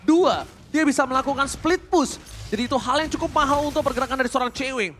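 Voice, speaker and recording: An Indonesian man working as an esports caster, calling the play-by-play with excitement and dramatic, repeated exclamations. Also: very high-pitched, fast, slight background noise.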